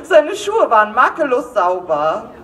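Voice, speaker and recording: A woman author giving a live reading from her romance novel, lively and laughing, sometimes losing her place. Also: fairly high pitch, unhurried, recorded from a distance. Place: event hall.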